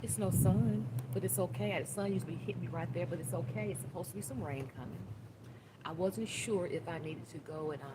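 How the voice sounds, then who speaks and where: A woman in her fifties gives a casual, rambling inspirational talk as a life coach, with asides and restarts, speaking outdoors in the wind. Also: deep voice. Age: 50s. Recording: noisy outdoor recording with wind.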